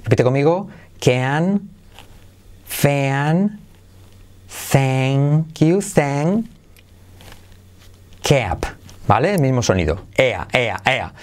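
A man's voice: medium pitch, big pitch swings, very slow, long pauses. A man with an accent from Spain, a native Spanish speaker teaching English pronunciation in a playful podcast lesson, repeating words for drilling.

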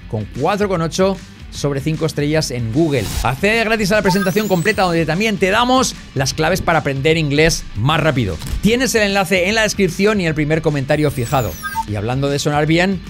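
A man who speaks Spanish natively, teaching English pronunciation in a lesson and drilling words in threes for the viewer to repeat. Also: on the high side.

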